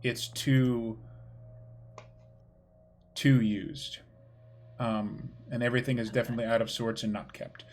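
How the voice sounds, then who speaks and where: A man leads a tabletop game, describing scenes and calling rolls in an easy, chatty manner. His voice sits at an average pitch, and faint music plays underneath. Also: measured pace, pauses often. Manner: relaxed, chatty, laughs easily. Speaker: game master. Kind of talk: casual narration of a tabletop game.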